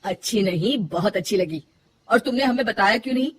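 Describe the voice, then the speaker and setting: A woman voicing a concerned, gentle young husband in a cartoon story, asking and pleading. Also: medium pitch, animated, fairly quick, a little hiss or hum, close to an everyday voice. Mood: reassuring. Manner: pleading, questioning.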